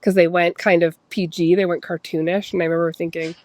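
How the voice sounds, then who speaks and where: A woman's voice: on the low side, level tone, a little fast, darkish tone, no echo. A woman chatting casually as an interview guest, rambling as she thinks aloud and voices imagined reactions. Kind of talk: casual chat.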